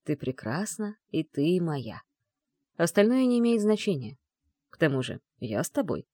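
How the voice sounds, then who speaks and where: A woman reading a calm young dragon lord, gentle and reassuring, in a lowered voice. Dry, close sound. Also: normal speed, dry recording. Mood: tender.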